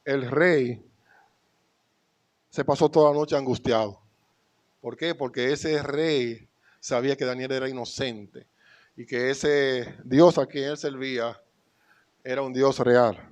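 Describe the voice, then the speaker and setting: A man's voice: medium pitch, steady tone, unhurried, a little mellow. A man with a Dominican Spanish accent preaching a sermon to his congregation, reading scripture aloud with rising emphasis. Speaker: pastor.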